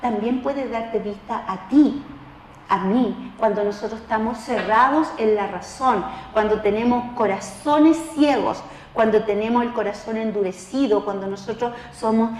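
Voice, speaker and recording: A woman's voice: unhurried, slight background noise. A woman preaching at a spiritual seminar. She talks straight to the listener and acts out the people she quotes. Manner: expressive, acts out quoted voices with rising pitch; addresses listener directly as tú. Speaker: lay preacher teaching a seminar. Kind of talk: spoken sermon teaching. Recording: roomy hall with long reverb.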